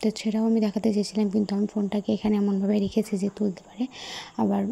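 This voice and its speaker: A young woman, narrating a home vlog in a hushed voice-over, recorded on a phone in a quiet room at night. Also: medium pitch, little pitch movement, racing, creaky, breathy edge. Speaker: lifestyle vlogger.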